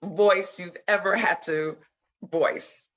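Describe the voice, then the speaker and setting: A woman's voice: lowish voice, steady tone, takes it slowly, a bit bright. A woman host and author interviewing a guest, effusive and enthusiastic. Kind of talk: interview conversation. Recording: dull lo-fi audio.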